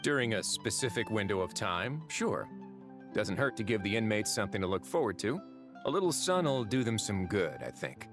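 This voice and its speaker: An actor playing a composed, authoritative warden in a video game, dry, wry and understated. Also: male voice, on the low side, big pitch swings, normal speed. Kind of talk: video game character dialogue. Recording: loud music under the dialogue.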